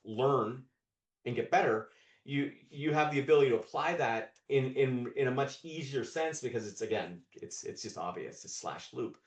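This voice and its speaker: Man, live screen-share demo, video call audio, roomy echo, thinks aloud, frequent restarts. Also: medium pitch. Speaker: presenter of a live coding session. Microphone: video call mic.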